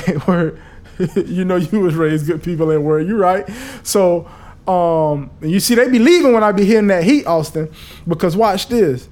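A man hosting a podcast, talking in a casual, profane and animated monologue. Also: a little high. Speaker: podcast host.

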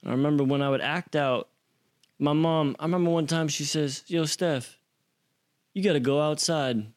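A man's voice: fairly high pitch, moderate pace. A young man casually telling a story as an interview guest, acting out quotes with slang and swearing.

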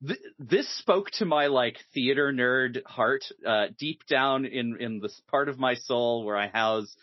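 A man hosting a podcast in casual chat, animated and hesitant with many fillers, laughing easily. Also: mid-range voice, measured pace, dry recording. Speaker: podcast host. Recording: dull lo-fi sound, dry.

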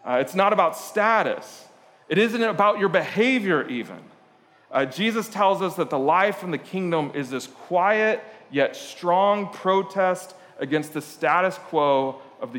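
A man's voice: a little high, fairly bright tone, long reverb tail. A man from Portugal preaching a sermon, talking in a conversational, storytelling way with frequent "uh" fillers and asides. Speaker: pastor.

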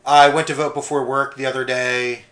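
A man's voice: mid-range voice, level tone, normal speed, fairly bright tone. Young male co-host, loose and jokey, mid voice, rambling storyteller. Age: young adult. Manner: rambling, jokey, swears, mimics people in quotes. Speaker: podcast co-host. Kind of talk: casual comedic chat.

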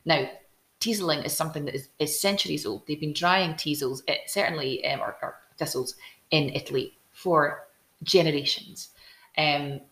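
This is a Scottish woman with a deep, low voice, speaking in a casual and enthusiastic way and circling back to restart her thoughts. Her voice rings in a roomy, echoey space. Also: moderate pace, a bit bright. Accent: Scottish, Glasgow. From Scotland. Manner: enthusiastic, storytelling, with frequent restarts. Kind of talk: casual chat.

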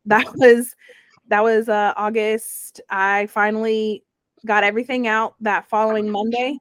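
A young woman guest recounts something from her own life in a casual interview, speaking at a measured pace with a medium-pitched voice. She's animated and acts out quoted voices. The tone is clean, with no room sound.

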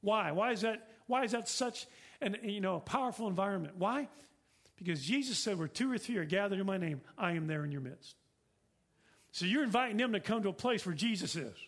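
A man with a notably high voice delivers a sermon from the pulpit. He speaks earnestly, circling back to his points and posing questions to the room. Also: lively intonation, a little fast. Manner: earnest, repetitive preaching with rhetorical questions. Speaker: pastor.

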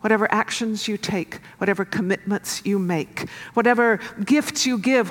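A woman pastor delivering a sermon in a measured, earnest way, building to emphatic rises. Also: mid-range voice. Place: church sanctuary. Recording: long reverb of a church hall.

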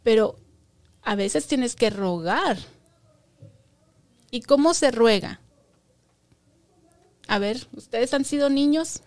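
Slow-speaking woman teaching children. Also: fairly high pitch, animated, a little mellow, no room sound. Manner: patient, asks the children questions; emphatic, repeats key words. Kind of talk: Bible lesson for children.

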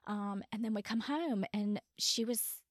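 A woman's voice: medium pitch, a little slow, dry recording, clean studio sound. A woman, a podcast guest telling her story casually and acting out quoted dialogue. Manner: chatty, quotes others in lively retold dialogue.

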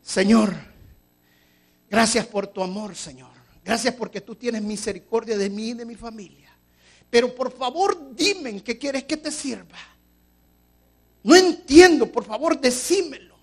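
Man doing a pious but selfish praying woman, high voice, pleading then brushing off requests. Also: animated, unhurried, pauses often, husky, heavily acted. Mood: pleading prayer. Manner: pleading prayer, brusque refusals.

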